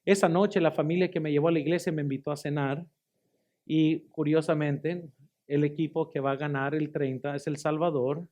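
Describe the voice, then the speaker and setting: A male pastor preaches a testimony sermon, with a voice pitched a little above the usual man's. He tells his story with emphasis, calls his listeners brothers, and doubles back on phrases to stress them. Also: fairly even intonation, normal speed, darkish tone, lo-fi sound. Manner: repeats and restarts phrases for emphasis.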